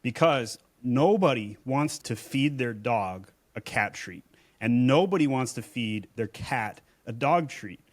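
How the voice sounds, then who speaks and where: A man's voice: medium pitch, expressive, a little slow. A man, an Amazon seller and agency owner, speaking as a guest in a casual podcast conversation in a blunt, emphatic way.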